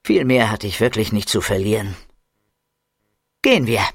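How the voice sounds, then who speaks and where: A man's voice: lowish voice, expressive, moderate pace, vocal fry, slightly rough, no echo. A man narrating a first-person children's story with dry humor. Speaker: audiobook narrator.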